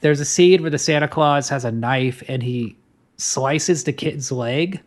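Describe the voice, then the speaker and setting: A man from the United States co-hosting a casual film podcast, talking through a movie and slipping into deadpan jokes. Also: medium pitch, a little slow. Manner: joking, deadpan bits. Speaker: podcast co-host.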